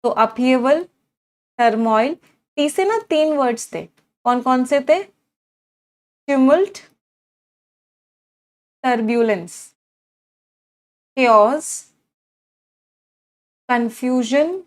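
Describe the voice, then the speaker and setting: A woman's voice: sits high, animated, extremely slow, pauses often. A woman teaching an online English vocabulary class, repeating her cues and asking her students questions. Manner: drills words aloud with repeated cues, asks students questions.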